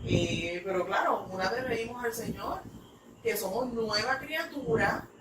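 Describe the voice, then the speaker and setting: Speaking unhurriedly in a voice on the high side, this New York woman tells rambling stories packed with fillers during a church talk. She teaches English and also speaks in ministry, and her audio comes from an echoey, noisy room with the microphone placed far off.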